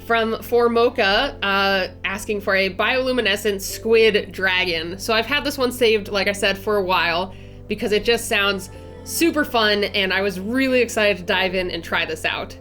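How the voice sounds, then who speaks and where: Her voice is mid-range and at a normal speed, but clearly nasal from a cold that hasn't cleared up. The young woman, in her twenties and running an art channel, narrates her vlog in a friendly, relaxed, upbeat way, rambling with many ums, fillers and restarts as she corrects herself. Quiet, soft music sits underneath.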